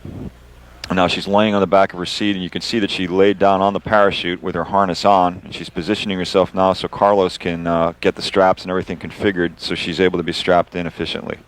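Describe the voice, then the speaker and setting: Man, low pitch, astronaut guest, conversational explanation, live commentary. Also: little pitch movement, fast talker, a little hiss or hum, low-quality recording.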